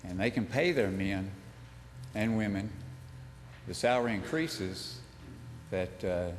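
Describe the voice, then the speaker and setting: Halting low-voiced man at a podium. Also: expressive. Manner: halting, with many fillers. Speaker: member of the public speaking at a meeting. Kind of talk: public comment. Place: large county commission room. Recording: reverberant hall, faint noise.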